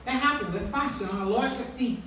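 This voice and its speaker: A woman's voice: on the high side, quick pace, a bit bright, very echoey, slight background noise. A woman pastor giving an earnest sermon and asking her congregation questions, recorded from a distance in a church. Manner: earnest preaching with rhetorical questions.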